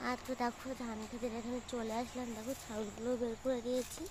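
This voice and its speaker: Hoarse high-voiced young woman vlogging. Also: level tone, quick pace, noisy background. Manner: chatty, talks straight to viewers, keeps saying "look". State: hoarse from a cold. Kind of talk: casual vlog chat to viewers. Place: outdoors in a rice field.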